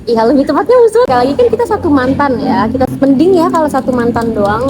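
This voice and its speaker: A woman's voice: sits high, animated, fast. A young woman chatting casually and emphatically as a vlogger, often repeating words for emphasis. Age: young adult. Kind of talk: casual chat. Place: outdoor roadside eatery. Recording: clear traffic noise from roadside. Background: street ambience and passing vehicles.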